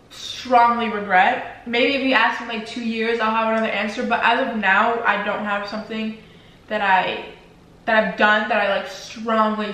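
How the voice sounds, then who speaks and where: Eating on a leather living-room couch, a Spanish-speaking teen vlogger chats through a casual Q&A, rambling and saying "like" constantly. Her voice runs high, pushed and bright. Recorded by a camera across the room, she sounds distant amid heavy echo.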